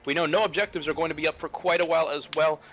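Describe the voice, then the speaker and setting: Bright-voiced analytical male game caster. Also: fairly high pitch, fairly even intonation, rapid-fire, faint music behind, rough recording. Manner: analytical and joking, talks through builds and timers. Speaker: esports caster. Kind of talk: color commentary on a game.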